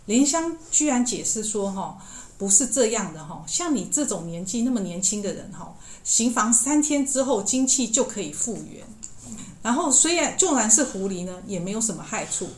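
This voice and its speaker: A woman's voice: on the high side, big pitch swings, normal speed, a little mellow. A woman podcast host animatedly retelling a classic tale, with many fillers and acted-out quotes. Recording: echoey room with faint hiss.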